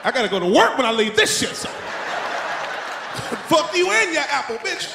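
A man doing a stand-up routine, loud and profane, acting out shouting parents and whining kids in high squeals. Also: sing-song, unhurried, creaky, heavy background noise. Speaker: stand-up comedian. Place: comedy club stage before a laughing audience. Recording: echoey club with loud crowd laughter. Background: crowd laughter.

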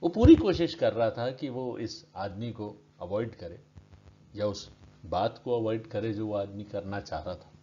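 A male storyteller reads his story aloud, steady and measured. He takes his time with each line, and the recording sounds muffled and lo-fi. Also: lowish voice. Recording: dull lo-fi recording.

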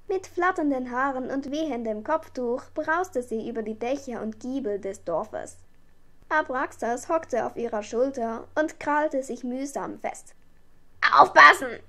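A woman narrates a children's story with a calm, gentle bedtime manner. Her voice sits high and light, and she takes the sentences slowly, letting each one settle. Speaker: audiobook reader.

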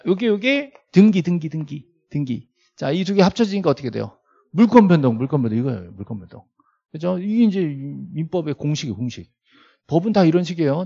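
A middle-aged male lecturer with a gravelly, mellow voice that swings up and down as he teaches law to a classroom. He keeps asking rhetorical questions and repeating key terms, with little joking asides to the students. The recording is dull and lo-fi. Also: a little high. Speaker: law lecturer at a real estate agent exam prep academy.

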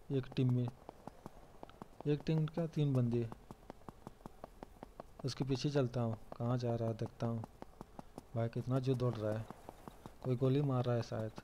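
Warm and medium-pitched, this young gamer chats casually about his play, poking fun at himself and shouting to his teammates. There's slight background noise.

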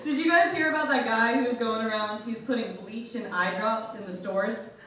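A young adult woman doing a stand-up comedy set, with a deadpan, awkward, self-deprecating delivery. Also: on the high side, moderate pace, crowd noise. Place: large university hall with live audience. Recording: echoey hall, mic from far, noisy.

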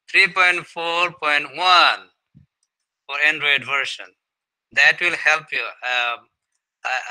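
A man's voice: mid-range voice, bright, forceful tone, smooth, low-quality recording. A man leading an online student meeting over a video call, encouraging and full of fillers and restarts. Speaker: meeting leader and mentor.

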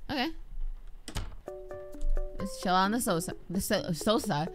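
A young adult female gamer talks at a measured pace in a mid-range voice, soft music playing behind her. She gives reactive, lively commentary as she plays, speaking to the game and at times reading things out.

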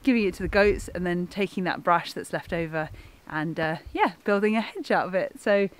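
A young woman hosting a farm vlog, talking in a relaxed, thoughtful way with plenty of fillers, filmed outdoors and in a goat shed. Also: fairly low pitch, a little fast. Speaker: farmer and vlog host.

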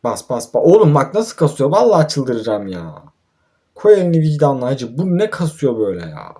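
Young man, gameplay YouTuber, slightly high voice, fed up and grumbling at his players. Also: sing-song, fairly quick, mellow. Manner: exasperated, ranting and swearing at his own team. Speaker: mobile football gamer and YouTuber. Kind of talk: gameplay commentary.

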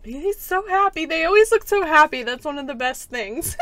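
A woman's voice: sits high, expressive, moderate pace, fairly bright tone, no room sound. A young adult woman giving casual, giggly, enthusiastic commentary as she plays a video game. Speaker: host of a video game play-through.

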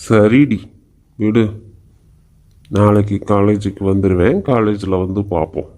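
A man voicing a young college man who gently soothes and apologizes to his girlfriend in a cartoon. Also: on the low side, steady tone, measured pace, lightly acted. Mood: soothing. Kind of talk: cartoon voice acting.

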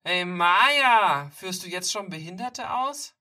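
A woman's voice: fairly low pitch, lively intonation, slow pace, recorded from a distance, pitched above the performer's own voice, heavily acted. Woman reading as a sneering teen bully. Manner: sneering, loud. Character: teenage boy bully, crude and mocking.

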